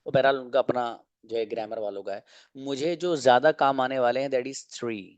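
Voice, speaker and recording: A man teaching an online English class, explaining slowly and asking and answering his own questions. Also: mid-range voice, a little mellow, no echo, highs cut off.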